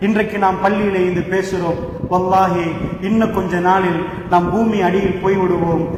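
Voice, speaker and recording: A man preaching a sermon in a mosque, telling stories with swings from hushed lines to shouted ones. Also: high-pitched, fairly even intonation, brisk, heavy reverb, big-room sound, recorded from a distance, noisy background. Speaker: Islamic preacher.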